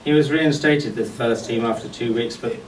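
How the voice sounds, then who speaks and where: A mid-pitched man, recorded from a distance with an echoey mic in a noisy room, delivers a eulogy as a friend paying memorial tribute. Speaking at a golf club function venue during a memorial service, he tells anecdotes in short, measured phrases with deliberate pauses.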